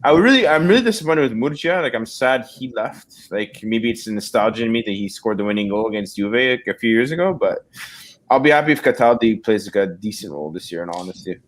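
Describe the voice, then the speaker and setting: A man's voice: medium pitch, animated, quick pace. A man on a podcast panel who talks hesitantly, restarting and stammering. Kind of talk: casual podcast chat.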